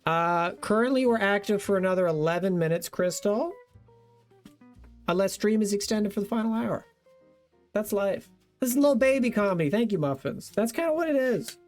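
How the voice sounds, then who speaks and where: A man's voice: sits high, animated, moderate pace, faint music behind. A young man streaming casually, reading out his old joke notes, laughing at himself and thanking viewers. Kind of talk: casual livestream chat.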